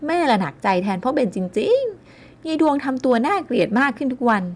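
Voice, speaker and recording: A woman's voice: high voice, lively intonation, brisk, voice pushed up. A woman voicing a worried older mother and grandmother who sighs over her daughter. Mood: fretful. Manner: sighing, fretful.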